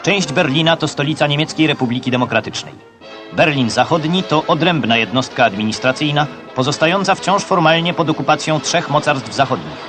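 A man narrating an old newsreel in a formal, measured, official tone. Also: on the high side, animated. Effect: old newsreel soundtrack. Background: loud music.

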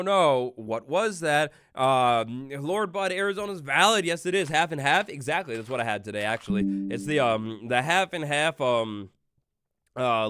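A man's voice: on the high side, a bit bright, clear, resonant tone, no echo, studio quality. A man live-streaming a game, nervous and jittery, talking to his chat with many fillers and restarts.

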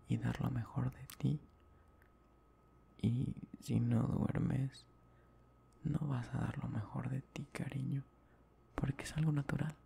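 A man's voice: mid-range voice, full character voice. A young man playing an affectionate boyfriend in an ASMR ASMR role-play, murmuring tenderly and breathily to soothe his partner to sleep. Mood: tender, gently scolding. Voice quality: breathy soft voice. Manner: slow, tender, repetitive murmuring. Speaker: ASMR performer.

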